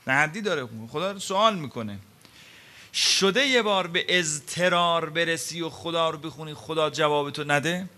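A man preaching a sermon, telling stories dramatically with rhetorical questions, swinging between loud emphasis and hushed quiet. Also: on the high side.

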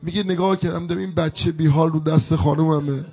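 A man's voice: fairly high pitch, fairly even intonation, darkish tone, slightly rough. A male preacher delivering a mourning sermon, telling a story with emotion and breaking into plaintive chanted elegy.

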